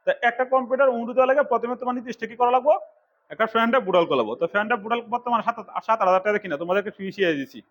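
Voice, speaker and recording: A middle-aged man from Bangladesh, an instructor giving a fast classroom lecture, scolding and urging his students. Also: very high voice, a bit bright. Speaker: computer course instructor.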